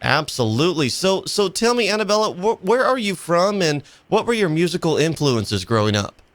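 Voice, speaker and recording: A man's voice: high voice, very animated, moderate pace, a bit bright, no room sound. Eager man hosting a dry-studio interview. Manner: eager, repeats words when starting questions. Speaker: radio interview host. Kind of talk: radio interview.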